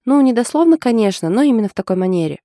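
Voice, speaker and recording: A woman's voice: on the high side, lively intonation, rapid-fire, warm tone, dry recording, clean studio sound, voice pushed up. A woman voicing an anxious young woman in love, confiding in a hesitant way. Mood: uneasy.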